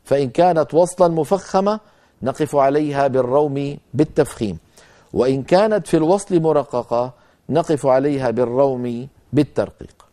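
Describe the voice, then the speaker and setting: A man teaching a tajweed lesson, explaining rules step by step and slowly chanting recited examples. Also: mid-range voice, mellow.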